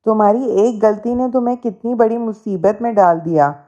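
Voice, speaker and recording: A woman voicing a gentle, forgiving young daughter-in-law in a storybook reading. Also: a little high, normal speed, lo-fi sound, lightly acted.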